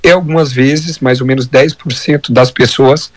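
Male Brazilian health columnist, medium-pitched, hoarse, dry recording, measured explanatory radio delivery. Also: steady tone, no echo. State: hoarse from viral laryngitis.

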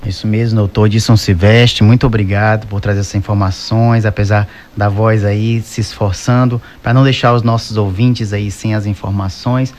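Radio news host, male, Brazilian accent, fairly low pitch, live morning presenting. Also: flat delivery, moderate pace, few pauses, a little mellow.

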